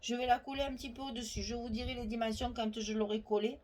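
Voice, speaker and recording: A woman's voice: a little high, fairly even intonation, quick pace, darkish tone, rough recording. Chatty Provençal woman teaching crafts. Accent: Provençal French. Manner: talkative, thinks aloud and corrects herself mid-sentence. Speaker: scrapbooking tutorial host. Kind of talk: chatty step-by-step craft tutorial.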